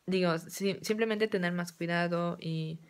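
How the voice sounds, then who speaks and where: Chatty young Mexican woman, lowish voice. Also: steady tone, measured pace, smooth. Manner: chatty, many fillers like "o sea". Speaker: vlogger. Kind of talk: casual storytelling.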